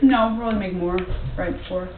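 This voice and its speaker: A woman's voice: mid-range voice, fast talker. A woman bantering casually with friends on a home video. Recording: tinny, echoey, very noisy home video.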